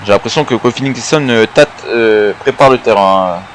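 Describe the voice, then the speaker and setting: A man's voice: mid-range voice, normal speed. A man giving wrestling commentary on a video game match, calling moves in short phrases alongside a partner. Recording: faint background noise.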